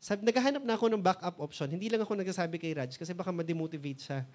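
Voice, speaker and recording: A man's voice: high-pitched, racing. A man in his thirties from the Philippines with a Filipino accent. He is a mentor telling his own success story, switching between Tagalog and English and acting out remembered conversations. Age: 30s. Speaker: mentor and motivational speaker. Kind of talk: personal success story talk.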